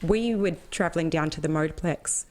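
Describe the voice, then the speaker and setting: A woman's voice: low voice, brisk, a little mellow. An Australian woman co-hosting a motorsport podcast, chatting casually and rambling with restarts. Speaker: podcast co-host. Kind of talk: casual chat.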